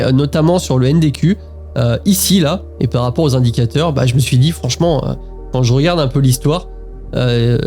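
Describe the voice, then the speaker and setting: A man with a mellow, warm voice talks in a relaxed, chatty way straight to the viewer. He hesitates often while walking through charts on screen. Soft music plays faintly underneath. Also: medium pitch. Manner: chatty, speaks directly to the viewer, frequent hesitations. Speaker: investing vlogger. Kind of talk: casual talk to camera while screen-sharing charts.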